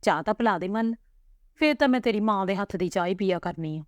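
A woman's voice: mid-range voice, expressive, fairly quick, dry recording, clean studio sound, close to an everyday voice. Malkit, a fond village father, voiced by a woman. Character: proud, tender middle-aged village father.

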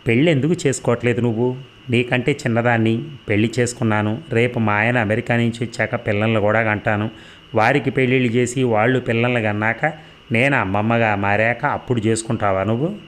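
A man's voice: medium pitch, fairly even intonation, a little fast, a little hiss or hum, natural voice. Man reading as insistent young woman. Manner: pressing, persistent questioning.

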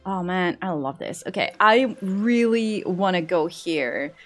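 A woman's voice: fairly low pitch, lively intonation, measured pace, soft background music. A woman with a French accent, hosting her channel and narrating a game tour in a chatty, enthusiastic way, thinking aloud as she explores. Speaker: channel host. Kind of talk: upbeat game tour commentary.

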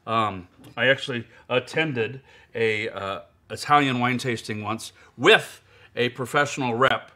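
A man's voice: medium pitch, unhurried, sharp tone. A man hosting a casual wine-tasting chat, talking in a rambling way with many fillers and restarts. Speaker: wine presenter. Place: indoors at a zoo building.

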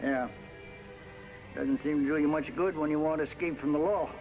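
An actor playing a shrewd, probing elderly lighthouse keeper in an old television drama, talking in a folksy, hesitant way. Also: male voice, on the high side, steady tone, normal speed, muffled recording, over music, close to an everyday voice. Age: older. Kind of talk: 1950s television drama acting. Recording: old television recording with faint hiss.

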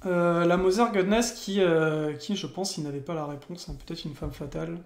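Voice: medium pitch, moderate pace, a little mellow. A person with a French accent commentating their own online card game match casually, with many fillers and restarts. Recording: roomy, echoing room.

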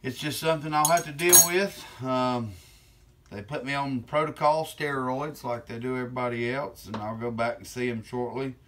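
A man's voice: mid-range voice, fairly even intonation. Slightly slurred man in a noisy workshop. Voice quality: slightly slurred from one-sided mouth weakness. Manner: unhurried, talking while working with hands. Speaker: channel host. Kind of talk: casual hands-on workshop chat. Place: cluttered indoor workshop. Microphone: camera on bench a step or two away.

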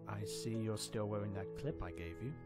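A man voicing a caring, slightly sly young unicorn prince in an animated fan drama, casual and a little hesitant. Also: lowish voice, moderate pace, over loud music, close to an everyday voice. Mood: reassuring.

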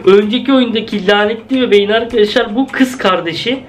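A high-pitched young man narrates a game as he plays, chatty and jumpy, often calling out to his viewers. Faint room noise sits behind his voice. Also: a little fast. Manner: chatty, jumpy, exclaims at scares, talks to viewers. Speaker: gaming video host. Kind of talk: casual let's-play commentary.

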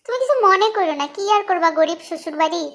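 A woman's voice: extremely high pitch, expressive, fast talker, a bit bright, exaggerated voice. A woman voicing a bossy but soothing village mother-in-law who scolds, then coaxes. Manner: scolding, then coaxing in dialect.

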